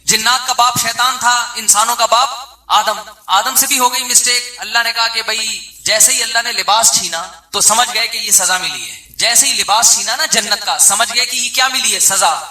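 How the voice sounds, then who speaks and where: A man's voice: very high-pitched, pushed and bright, echoey room. A man giving a conversational religious sermon, posing rhetorical questions and answering them himself. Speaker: religious scholar.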